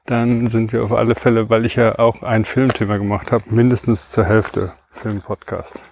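A man's voice: on the low side, level tone, moderate pace, creaky, darkish tone. Man podcasting while running. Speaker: podcast co-host. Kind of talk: casual podcast chat. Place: outdoors, on the move.

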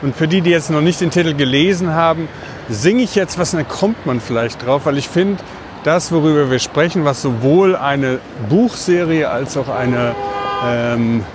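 A man's voice: fairly high pitch, normal speed. Male podcast co-host chatting on a walk. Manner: talking while walking outdoors. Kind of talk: casual podcast chat. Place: outdoors on a city street. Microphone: wireless transmitter mic. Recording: faint urban street noise.

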